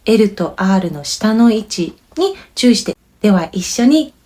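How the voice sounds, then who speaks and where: A woman with a Japanese accent giving a bilingual pronunciation lesson, explaining clearly and patiently and demonstrating words. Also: mid-range voice, very animated, measured pace, darkish tone, a little hiss or hum. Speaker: language teacher.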